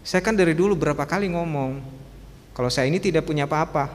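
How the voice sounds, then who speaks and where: A man voicing a poor, sweet-talking husband in a joke, speaking gently and pleadingly. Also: on the high side, fast talker, in a large hall, lightly acted.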